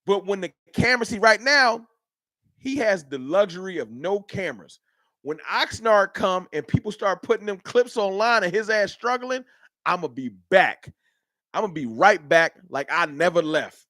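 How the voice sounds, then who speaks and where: This man sits high in pitch and speaks at normal speed on a dry recording. He's a sports fan livestream host from Dallas, Texas, animatedly arguing with his chat in a heated rant.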